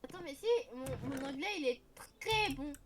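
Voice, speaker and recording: A woman's voice: sits high, expressive, normal speed, a bit bright. A woman chatting casually while playing a video game with her sister, goofy and playful, making silly noises. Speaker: let's play gamer. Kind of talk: casual gaming chat.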